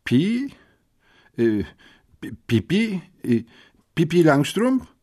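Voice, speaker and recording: A man voicing a dim, whiny teenage bodybuilder boy in an audiobook, squeaking and slow on the uptake. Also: very animated, mellow, exaggerated voice. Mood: puzzled. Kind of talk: audiobook character voice.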